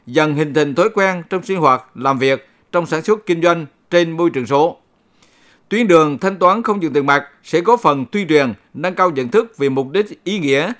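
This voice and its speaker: Higher-voiced man reading formal local news. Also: fairly bright tone. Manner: formal, measured announcing. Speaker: radio announcer for a local commune station.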